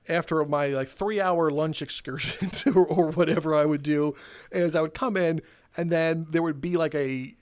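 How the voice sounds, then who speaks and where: A young man talks casually over a game, in a voice a bit higher than most men's. He rambles and sounds sardonic, swearing now and then as he tells his stories. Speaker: gaming video creator. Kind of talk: casual storytelling while playing a game.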